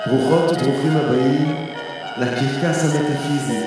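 A man announcing the show opening in a slow, drawn-out, grand sing-song manner. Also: medium pitch, steady tone, loud music behind the voice. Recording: echoey reverb-drenched, from far off.

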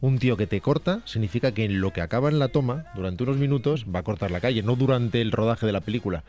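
A man on a comedic radio show, making a calm, wry counterargument. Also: medium pitch, quick pace. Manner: calmly reasoned, wry counterargument. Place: radio studio.

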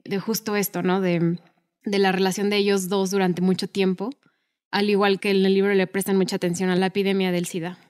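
A woman's voice: medium pitch, level tone, fairly quick, darkish tone. A woman co-hosting a podcast, chatting casually and retelling film scenes with many fillers. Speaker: podcast co-host.

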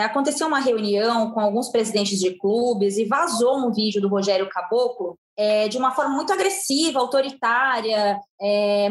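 A woman's voice: on the high side, echoey room. A woman host in a live TV discussion, talking earnestly with a Brazilian accent and repeating her points with many fillers. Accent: Brazilian Portuguese. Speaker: sports show host.

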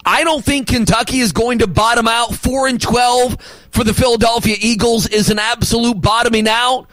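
A male sports radio host arguing basketball opinions and rattling off stats, with emphatic loud bursts. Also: extremely high pitch, steady tone, moderate pace, dry recording, soft background music, low-quality recording.

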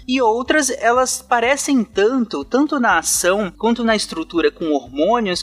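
A man's voice: high voice, fairly bright tone. A man from Goiânia with a Brazilian accent, explaining things didactically and casually as a podcast panelist.

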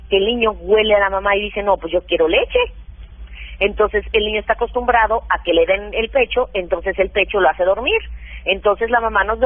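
A woman parenting expert giving practical advice in an animated, hands-on way during a radio interview, heard over a phone line. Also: medium pitch, no echo. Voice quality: practical, animated, acts out what mothers say.

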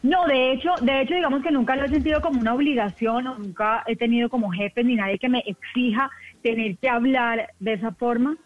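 A woman with a softened Colombian coastal accent chats quickly and easily as a guest on a radio show. Her voice comes through a tinny phone line with no room sound around it. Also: fairly high pitch, dry recording. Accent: Colombian coastal Spanish, softened. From Colombian Caribbean coast. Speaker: TV news presenter, guest. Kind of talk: casual radio chat.

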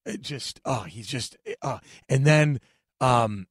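A man, a stand-up comedian, chatting casually and telling profane, animated stories as a podcast guest, acting out other people's lines. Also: mid-range voice, takes it slowly, breathy edge, dry recording, clean studio sound.

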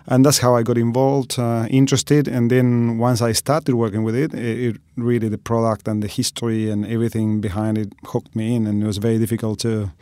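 A man's voice: mid-range voice, little pitch movement, fairly quick, few pauses, warm tone, clear, resonant tone, no room sound, studio quality. A middle-aged man from Argentina, giving thoughtful, explanatory interview answers with frequent fillers. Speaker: olive oil expert guest.

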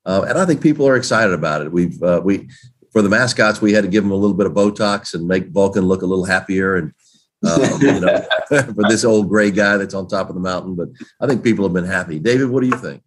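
A man answering interview questions in a folksy, relaxed way, with many fillers and restarts. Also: sits low, fast talker. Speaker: guest, games organizer.

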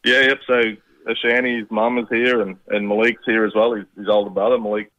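A middle-aged man with a Queensland accent speaks in a deep voice over a dull, band-limited radio call. He chats in a laid-back, slightly halting way, with local slang. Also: flat delivery, fairly bright tone. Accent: Queensland Australian. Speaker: radio interview guest, proud father. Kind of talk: casual chat.

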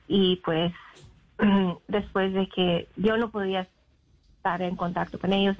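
Woman, young adult, from Mexico, halting speech with fillers, low flat voice, tinny phone line. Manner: halting, with many fillers and English words mixed in. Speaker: interview guest. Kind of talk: personal account in an interview.

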